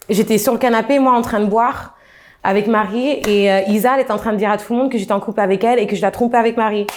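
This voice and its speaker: A young adult woman casually telling a personal story to camera, in an animated way that acts out the dialogue. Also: on the high side.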